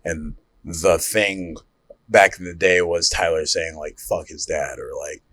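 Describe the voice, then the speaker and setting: A man's voice: sits low, fairly even intonation, a little slow, a bit bright, no room sound. A young man co-hosting a podcast in casual chat, slangy and laid-back, laughing often. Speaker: podcast co-host.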